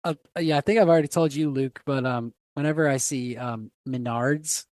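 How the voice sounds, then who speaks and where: Chatty man with a higher voice. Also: quick pace, darkish tone, no echo, clean studio sound. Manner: filler-heavy, repeats words. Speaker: podcast host. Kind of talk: casual chat.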